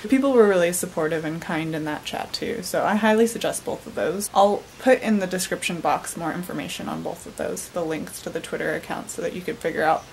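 A woman's voice: lowish voice, a little fast, hardly any pauses, a little hiss or hum, rough recording. Chatty young woman vlogging at home. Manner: chatty, filler-heavy. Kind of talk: casual vlog chat. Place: bedroom at home. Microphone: handheld camera at arm's length.

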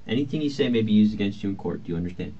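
A man's voice: lowish voice, expressive, rapid-fire, mellow. A male police detective questioning someone in an interview room in a polite, procedural, reassuring way, heard on an old interrogation tape recording. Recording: muffled lo-fi interview-room recording with faint hiss.

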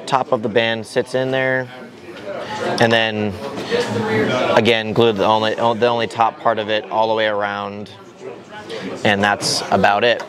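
Crowd chatter fills the big indoor hall as a young man, an RC racer, casually walks through tire prep, restarting often and leaning heavily on fillers. His voice sits on the low side with little pitch movement, and he speaks a little slowly, pausing often.

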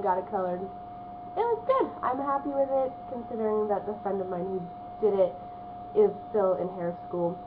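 A young woman talks through a casual home vlog, a little hoarse from a cold and rambling with plenty of ums. Her voice comes through a narrow, phone-like band with a faint hiss underneath. Her pitch sits in the middle for a woman. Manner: chatty, rambling, frequent ums. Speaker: vlogger. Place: home, at a small desk.

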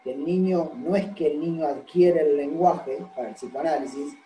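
A man's voice: on the high side, normal speed, mellow, roomy sound, a little hiss or hum, low-quality recording. A man giving a university lecture. He explains patiently and keeps checking that the class follows. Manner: explanatory, constantly checks understanding with "¿sí?".

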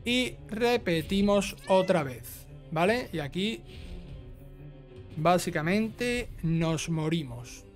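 This trophy guide host, a man from Spain by accent, talks slowly in a high, animated voice and pauses often while faint music plays behind him. His casual walkthrough of the video game is instructional and step-by-step, and he tends to end phrases with a checking tag.

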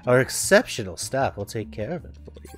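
A man voicing a posh, sinister female hotel owner, speaking in a grand, drawn-out fancy manner. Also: medium pitch, big pitch swings, soft background music, natural voice.

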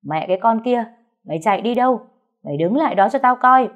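A woman's voice: fairly high pitch, expressive, quick pace, narrow, tinny audio, voice pushed up, close to an everyday voice. A woman voicing a cruel, violent middle-aged stepfather who curses and threatens. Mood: furious shouting. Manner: harsh, cursing, threatening.

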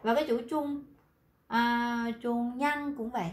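A woman's voice: a little high, fairly even intonation, slow pace, reverberant. A Vietnamese woman teaching beginner Korean, explaining words to her students with many repetitions and fillers. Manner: repeats words and fills gaps with "à", addresses students directly. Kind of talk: classroom lesson explaining vocabulary.

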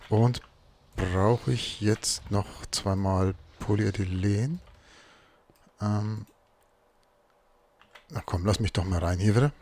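Let's play host, husky low voice, chatty self-talk, keyboard clicks behind. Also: male voice, darkish tone. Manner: muttering to himself while crafting. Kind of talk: casual gameplay commentary.

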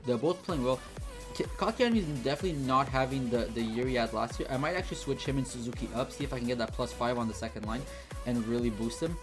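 A man's voice: mid-range voice, fast talker, over music. Chatty man commenting on gameplay. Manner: chatty, thinks aloud, frequent fillers and restarts. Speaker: gaming channel host.

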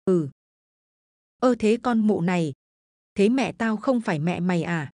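A woman's voice: on the low side, lively intonation, measured pace, a little mellow, no room sound. A crude, greedy village man sneers and mocks his old mother, as a woman storyteller puts him on. The voice is dry and close to the mic. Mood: mocking. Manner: sneering, mocking.

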